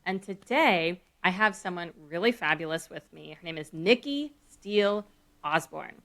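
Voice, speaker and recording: A woman's voice: lowish voice, lively intonation, moderate pace, fairly bright tone. A woman from the United States, hosting a podcast interview in an upbeat, enthusiastic way. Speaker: podcast host, maternity leave coach.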